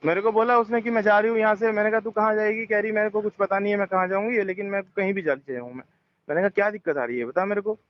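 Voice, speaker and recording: This resort manager's voice sits high and steady, and he talks rapid-fire with no echo. Caught on a telephone in a muffled, lo-fi call, he's in a tense conversation, insistently justifying himself and restating his points.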